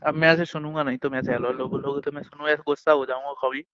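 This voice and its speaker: A man's voice: fairly high pitch, level tone, fast talker, no echo. A man on a casual romantic phone call, coaxing and playful as he keeps insisting. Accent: Hindustani. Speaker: boyfriend on a call. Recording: muffled phone call recording.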